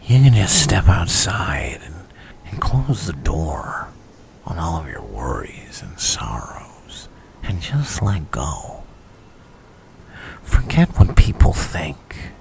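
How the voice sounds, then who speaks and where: A man playing a menacing, unhinged criminal clown villain in an ASMR roleplay, whispering with a breathy, creaky rasp in a theatrical, coaxing, taunting manner. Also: sits low, very animated, slow, exaggerated voice. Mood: brooding, philosophical. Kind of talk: ASMR roleplay, dramatic monologue.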